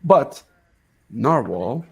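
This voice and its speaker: A man with a gravelly, creaky voice hosts a casual live stream over a video call. He talks loosely, repeating himself and restarting phrases as he goes, at an ordinary pitch. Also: very animated, drawn-out words. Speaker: show host.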